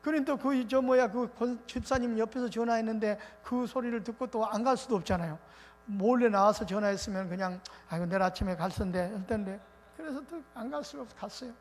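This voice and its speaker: A male pastor preaching a revival sermon in an animated, colloquial storytelling way. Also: extremely high pitch, brisk. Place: church sanctuary. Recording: reverberant church hall with faint noise.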